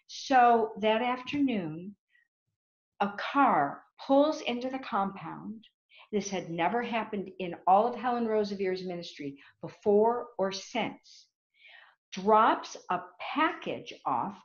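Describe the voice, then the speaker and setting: A woman's voice: medium pitch, lively intonation, measured pace, echoey room, lo-fi sound. A woman guest telling stories vividly in conversation, acting out the people she quotes. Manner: vivid storyteller who acts out quoted voices. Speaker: guest speaker on children's reading. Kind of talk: animated storytelling in conversation.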